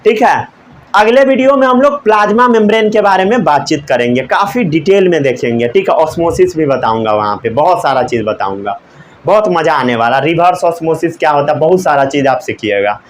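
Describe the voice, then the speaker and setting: Animated male teacher quizzing his class. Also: fairly high pitch, slight background noise. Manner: asks students questions, repeats answers, mixes English terms; dictates slowly word by word. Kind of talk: classroom lecture.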